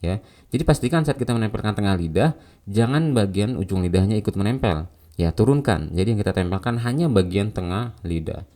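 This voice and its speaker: A man's voice: lowish voice, animated, a little fast, mellow. A man teaching Quran recitation, patiently explaining letter sounds and repeating Arabic syllables for learners to copy. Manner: explains, then demonstrates correct and wrong sounds. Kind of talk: tajwid lesson with spoken pronunciation drills.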